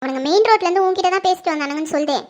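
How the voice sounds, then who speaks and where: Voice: very high-pitched, rapid-fire, noisy background. A performer in a home-made family skit, playing a middle-aged mother who sharply accuses her daughter. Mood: angry, accusing. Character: furious middle-aged mother, suspicious and scolding.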